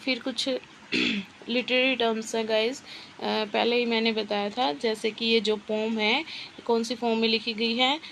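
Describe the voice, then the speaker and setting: A woman teacher giving an exam-prep literature lesson, explaining slowly and asking and answering her own questions. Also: a little high, steady tone, creaky, fairly bright tone, a little hiss or hum, low-quality recording.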